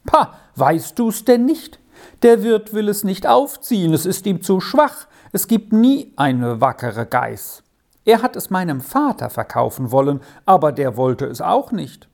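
A woman's voice: fairly low pitch, very animated, unhurried, creaky, a little mellow, voice pushed up, full character voice. A woman voicing a cocky, scheming young herd boy in a storybook reading, talking in a brash, coaxing, sly way.

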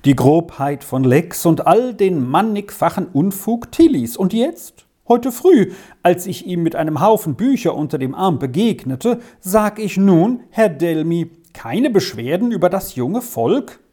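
A woman's voice: fairly low pitch, big pitch swings, measured pace, dark tone, pitched above the performer's own voice. Lady reading as a wondering old-fashioned dad, voice swinging up and down, storybook. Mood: puzzled. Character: puzzled middle-aged magistrate father.

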